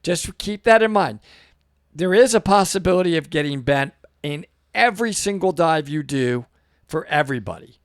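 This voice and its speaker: A man with a fairly high-pitched voice gives casual reaction video commentary. He explains technical matters like an experienced diver, and the sound is very dry with no room echo. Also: expressive, moderate pace.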